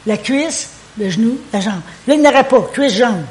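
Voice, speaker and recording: A woman's voice: on the high side, moderate pace. A woman with a Québécois French accent preaching a sermon, talking animatedly and repeating words as she searches for phrasing. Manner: animated, acts out quoted prayers and dialogue.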